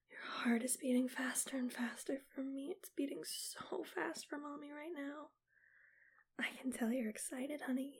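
A woman whispering slowly and teasingly in an ASMR roleplay, right up close to the mic. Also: sits high. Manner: soft breathy whisper, slow and teasing. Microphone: close mic, right at the ear.

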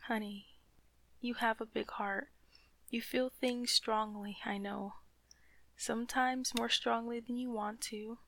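A woman in an ASMR comfort roleplay, speaking softly and soothingly to a loving partner, often slipping into whispers close to the mic. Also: on the high side, fairly even intonation, slow pace, creaky, no room sound.

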